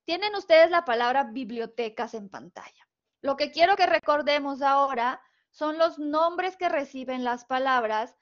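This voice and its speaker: On a dull, lo-fi recording, a high-voiced woman with a northern Mexican Spanish accent leads a spelling lesson. She explains the rules patiently, one step at a time, and checks in with her students.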